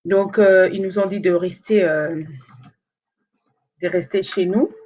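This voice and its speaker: Talking to camera in a live stream, this vlogger rambles casually to her viewers, using many fillers and restarting often; Lingala is her first language. She speaks slowly at medium pitch in a steady, slightly mellow voice, captured on a muffled recording.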